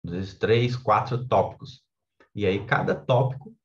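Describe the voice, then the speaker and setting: Speaking a little slowly in a lowish voice, a man with a Brazilian accent teaches an informal explanatory lesson as an exam coach, recorded with lo-fi sound. He talks conversationally and often tacks on little questions seeking agreement.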